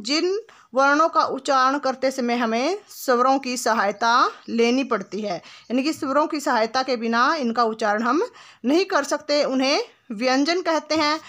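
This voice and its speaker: A woman with a high voice teaches grammar in a patient classroom manner. She stretches sounds and examples out slowly. She keeps asking the students questions and then answers them herself. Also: a bit bright. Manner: asks questions and answers them herself, often adds "ठीक है"; calls the listener "बेटा", patient and instructive. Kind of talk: classroom lesson explanation.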